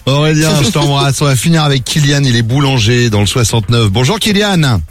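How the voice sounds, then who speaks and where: A man's voice: mid-range voice, animated, fairly quick, soft background music. A man in his fifties who hosts a radio morning show and chats with callers, joking and teasing them. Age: 50s. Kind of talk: lively radio talk with callers.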